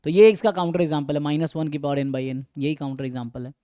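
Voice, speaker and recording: A male math teacher with an Indian accent gives a live online lecture, explaining each step and asking his students questions. His voice sits high and comes through smooth and clear. The recording is dry and close, with no room echo. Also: fast talker, warm tone.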